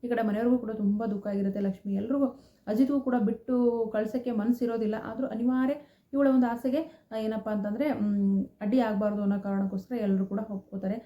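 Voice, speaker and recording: A woman's voice: a little high, steady tone, brisk. A woman casually retelling a TV serial episode, chatty, with frequent filler sounds. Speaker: serial recap narrator. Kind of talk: casual storytelling recap. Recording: roomy, slightly dull home recording.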